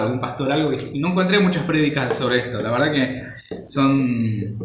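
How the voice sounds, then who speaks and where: A man's voice: mid-range voice, a bit bright, echoey room, slight background noise. Rambling man teaching the Bible. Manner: rambling, repeats words while searching for the next phrase.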